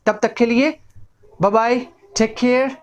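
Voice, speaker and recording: A man with an Indian accent teaches a bilingual English lesson, drilling words through repetition and often checking in with "right?". His voice is extremely high-pitched, with fairly even intonation and a measured pace.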